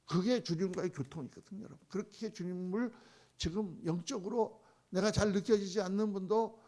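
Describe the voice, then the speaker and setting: A male pastor preaching a sermon at a dawn prayer service, swinging between loud emphatic lines and soft hushed ones, and acting out the people he quotes in conversational asides. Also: high-pitched, a little fast. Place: church sanctuary.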